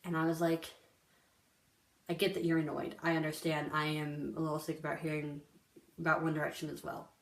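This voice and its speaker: This young woman has a deep voice and a level tone, speaking briskly with frequent pauses in a casual vlog. Earnest and chatty, she leans heavily on fillers, and the recording sounds echoey.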